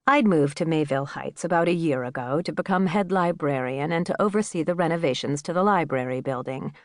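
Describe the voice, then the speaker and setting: A woman reading a first-person story aloud as an audiobook narrator, giving the dialogue a lively, playful turn. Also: on the low side, no room sound, clean studio sound.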